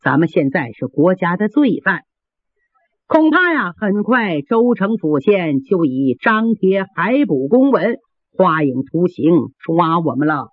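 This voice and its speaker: A stern elderly mother , as a storyteller puts her on, speaking in a low, scolding voice. The sound is dry and tinny, like a phone line. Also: big pitch swings, measured pace, breathy edge, no echo. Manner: scolding, lowered voice.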